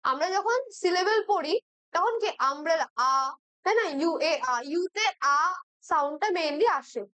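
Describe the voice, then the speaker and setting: With an extremely high, sharp voice and lively intonation at a moderate pace, a young Bengali-accented woman works through English grammar questions for exam preparation. She stays patient and keeps asking her students "right?" as she explains.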